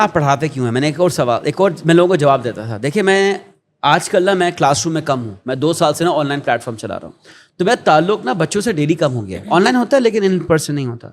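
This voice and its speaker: High-voiced earnest Pakistani man. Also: expressive. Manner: earnest, preachy storytelling with quoted asides. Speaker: guest, education founder. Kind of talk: conversational interview.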